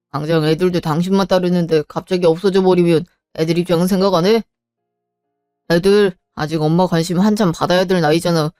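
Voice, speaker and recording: A woman voicing a cold, dismissive husband who flatly refuses every request. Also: fairly low pitch, clear, resonant tone, dry recording, clean studio sound, natural voice. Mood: scolding. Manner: blunt and unyielding. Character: cold, dismissive husband, busy working man. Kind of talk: Korean drama voice acting.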